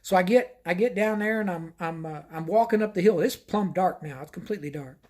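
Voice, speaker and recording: A man's voice: high voice, brisk, darkish tone. A man telling a casual first-person anecdote, rambling and often repeating himself. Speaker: storyteller.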